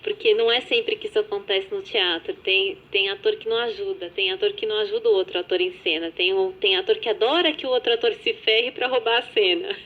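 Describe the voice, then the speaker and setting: A woman's voice: medium pitch, fairly even intonation, fast talker, few pauses. A woman from a theatre company speaking earnestly and approvingly about her fellow actors. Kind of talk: interview guest chat. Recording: tinny phone-like radio sound.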